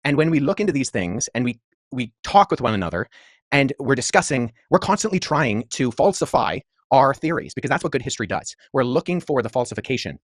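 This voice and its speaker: A man in his thirties, a historian guest in a podcast debate, speaking in an articulate, measured way with many asides. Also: mid-range voice, very animated, dry recording, studio quality. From Pakistan-born, raised abroad.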